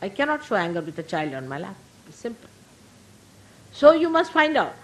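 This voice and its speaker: Over slight background noise and low-quality audio, a spiritual teacher's medium-pitched voice swings widely as she talks at a moderate pace. Her talk to followers is informal and humorous, full of warm conversational asides, with "see?" coming up often.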